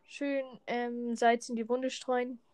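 A woman co-hosting a relaxed podcast chat, dry and mocking as she teases her partner. Her voice is slightly high. The sound is close and dry, with no room around it. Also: slow pace, clear, resonant tone, no room sound. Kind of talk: casual chat while opening in-game rewards.

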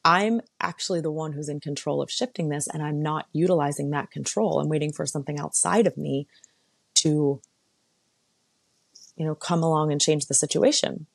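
A woman with a low voice hosts a casual solo talk, candid and conversational with a sarcastic edge. The sound is dry and close, with no room around it. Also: moderate pace, creaky, slightly rough, dry recording. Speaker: podcast host. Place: lives in San Diego.

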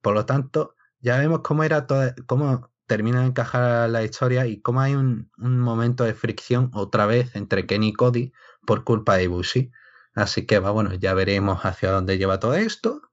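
A man's voice: mid-range voice, normal speed. A man giving casual, discursive wrestling analysis in a conversational way, often interrupting himself. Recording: slightly dull, lo-fi sound.

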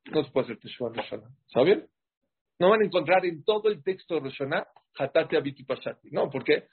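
A man preaches with emphatic force and keeps asking his listeners questions. His voice sits a little high and sounds very husky. The recording is muffled and lo-fi. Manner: rhetorical questions, animated and emphatic. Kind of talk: sermon.

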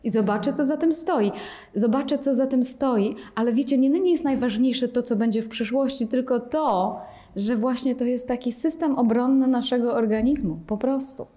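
A woman teaching a meditation workshop, her voice sitting a little high but with a soft, mellow color. She explains with lively energy and now and then slips into acted, anxious inner voices to make a point. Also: normal speed. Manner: animated, acts out panicked inner voices.

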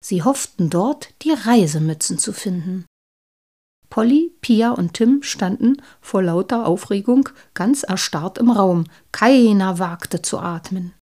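A woman reading her own children's Christmas story aloud, lively, lifting her voice for the children's lines. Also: mid-range voice, a little slow, hardly any pauses.

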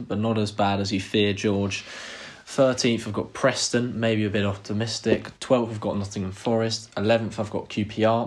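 A man with a fairly low voice runs through his football predictions in a plain, matter-of-fact way. It is a relaxed, casual chat between pundits.

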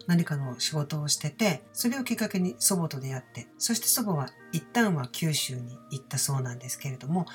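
A woman from Osaka chatting candidly about her childhood, with self-deprecating asides. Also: sits low. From Osaka, Japan. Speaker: channel host. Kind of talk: casual personal storytelling.

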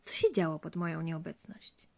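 A woman voicing a cruel, threatening husband in a spoken fairy tale, with quiet, cold menace. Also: low voice, lively intonation, moderate pace, gravelly, heavily acted.

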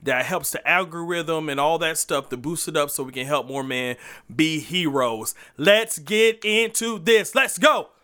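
A man's voice: fairly high pitch, animated, unhurried, sharp tone. A young man hosting his own faith podcast, speaking in an emphatic, hype, preachy manner into a podcast microphone. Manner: hype, sing-song intro then preachy, emphatic delivery. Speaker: podcast host. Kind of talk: energetic faith podcast monologue.

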